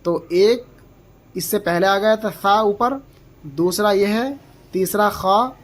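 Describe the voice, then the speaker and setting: A Quran reading teacher giving a slow, step-by-step pronunciation lesson, explaining where each letter is formed and repeating its sound aloud. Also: medium pitch. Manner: patient, explains slowly and models each letter sound aloud several times; asks the learner short checking questions.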